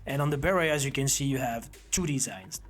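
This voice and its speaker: Man, forties, former officer, earnest, measured, presenting to camera. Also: mid-range voice, soft background music. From Belgium. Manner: earnest, steady, measured delivery. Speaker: founder of a self-defense academy, former army officer. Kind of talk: presenting to camera, personal story.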